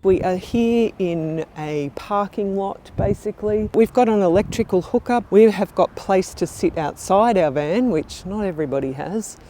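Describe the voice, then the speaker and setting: A woman's voice: lowish voice, warm tone, a little hiss or hum. A woman chatting on camera outdoors in a casual travel vlog, bubbly and often laughing. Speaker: vlogger. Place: outdoors at a lakeside town and campsite.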